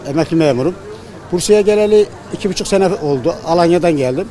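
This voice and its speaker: A man in his sixties from Turkey giving an informal street interview, halting and repeating himself. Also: fairly high pitch, lively intonation, warm tone. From Çorum, Turkey. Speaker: street simit vendor, interviewee. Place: outdoor produce market. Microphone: handheld news microphone. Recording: market crowd murmur and traffic behind.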